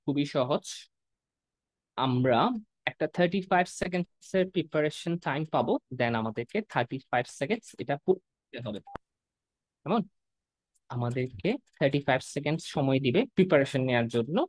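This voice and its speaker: A man's voice: mid-range voice, normal speed, long pauses, no echo. A man with a Bangladeshi accent giving a live exam-prep lesson, explaining patiently and checking in with his students as he goes. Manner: explanatory, checks in with "তাই না?" and "কেমন?", mixes in English words. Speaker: PTE exam teacher. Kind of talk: live class lecture.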